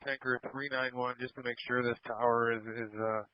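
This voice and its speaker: A man's voice: medium pitch, level tone, a little fast, heavy background noise. A man discussing firefighting operations over a walkie-talkie radio. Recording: dull lo-fi two-way radio.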